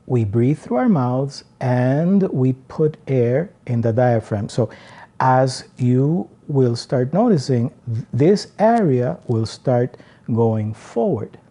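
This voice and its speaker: Slow, mellow-voiced male singing teacher. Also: mid-range voice, expressive. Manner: slow, deliberate explanations with counted breathing demonstrations. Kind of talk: vocal lesson.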